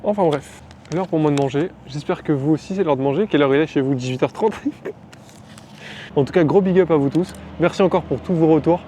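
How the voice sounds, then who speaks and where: A man's voice: a little high, fairly quick, mellow, a little hiss or hum. A man vlogging casually outdoors, chatty and rambling with many fillers, on a phone camera. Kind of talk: casual daily vlog.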